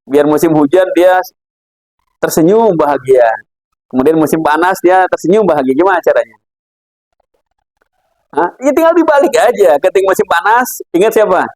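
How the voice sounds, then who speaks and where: A high-pitched man with a darkish tone teaches Islamic philosophy in an informal, anecdote-filled religious lecture. He is chatty, laughs frequently, and performs the characters in his stories. The recording is dry and rough.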